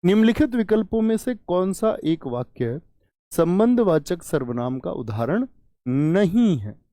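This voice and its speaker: A man's voice: high-pitched, sing-song, measured pace, warm tone, no room sound, studio quality. Hindi teacher quizzing his class. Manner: quizzes students with repeated questions, then answers them; reads out viewers' names from live chat. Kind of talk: online exam-prep class.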